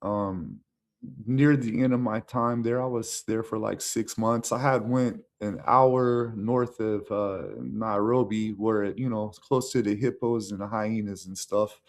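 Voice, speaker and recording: A man's voice: steady tone, unhurried. An American man talking casually to his camera in a rambling way, with many fillers and restarts. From United States. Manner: acts out the voices of others in a raised pitch. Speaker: vlogger.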